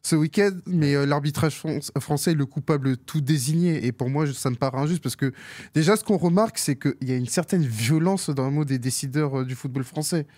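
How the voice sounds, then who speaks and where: A man arguing his view on a studio panel. He sounds earnest and a little raised in pitch, with a dry, close sound and hesitant fillers between points. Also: fairly quick, darkish tone, no room sound. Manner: earnest, repeats "pour moi", hesitant fillers. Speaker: football pundit. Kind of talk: studio debate. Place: television studio.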